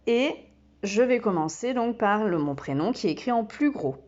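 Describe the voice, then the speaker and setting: A woman who teaches kindergarten, giving a slow and patient step-by-step demonstration full of small fillers. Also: on the high side, animated, a little mellow, dull audio.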